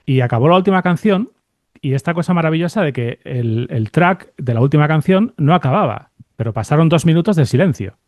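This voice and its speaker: In clean studio audio with no echo, a man with a Spain Spanish accent interviews a guest on his podcast. His fairly high, slightly mellow voice is expressive and fairly quick as he reflects aloud casually, often using tag questions to check for agreement.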